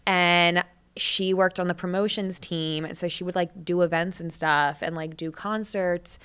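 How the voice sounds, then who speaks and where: A woman in her late twenties, a podcast guest, telling stories in a lively, laughing way and acting out quotes. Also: fairly low pitch, a little slow, clear, resonant tone. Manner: animated storyteller, laughs often, acts out quotes. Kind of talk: casual chat.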